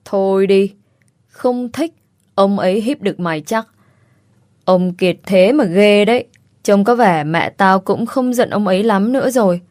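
A woman's voice: mid-range voice, unhurried, darkish tone, dry recording, clean studio sound, lightly acted. A woman voicing a teasing, blunt-talking young woman in a narrated story.

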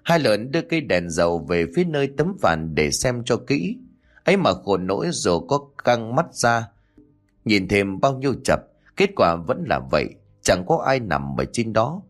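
A man's voice: lowish voice, sing-song, moderate pace, faint music behind. A man narrating a spooky audiobook story, now and then voicing the characters' quoted lines. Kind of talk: scripted horror story narration.

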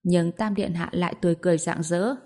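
Low-voiced woman narrating a novel. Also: fairly even intonation, fast, a little mellow. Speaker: audiobook narrator. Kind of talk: scripted fantasy novel narration.

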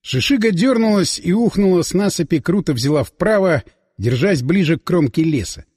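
A husky male narrator telling the story in the first person, his pitch rising and falling freely. His voice sits somewhat high for a man. The recording is close and dry, with a long reverb tail behind it. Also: animated, normal speed, darkish tone. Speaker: audiobook narrator.

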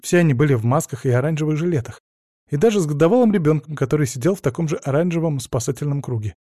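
A man reading a suspense novel aloud in a slow, tense way. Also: fairly high pitch, animated, mellow, no room sound, studio quality. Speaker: audiobook reader. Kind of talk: scripted narration.

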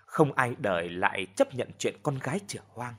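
A man's voice: mid-range voice, sing-song, normal speed. A man doing a weary scolding village mother. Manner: soft, sighing, scolding. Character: worried older village mother, stern and weary.

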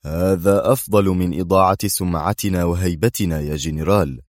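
A man's voice: deep voice, fairly quick, darkish tone, no room sound, clean studio sound, natural voice. A man reading the part of a stern, commanding male intelligence director in a storybook reading. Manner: curt, commanding, cold.

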